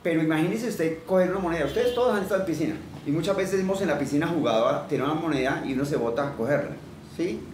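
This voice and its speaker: A man's voice: fairly high pitch, racing, darkish tone. A man giving a teaching sermon who reads scripture aloud, quizzes his listeners and has them repeat lines after him. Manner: quizzes listeners and leads call-and-response repetition; reads scripture aloud, then explains it plainly. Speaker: preacher. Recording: roomy echo, voice from a distance, faint background noise.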